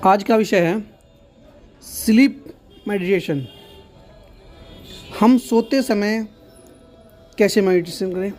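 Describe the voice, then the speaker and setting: Male meditation guide, earnest and explanatory, soft music faintly behind. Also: high voice, takes it slowly, pauses often. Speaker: meditation teacher. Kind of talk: instructional talk to camera.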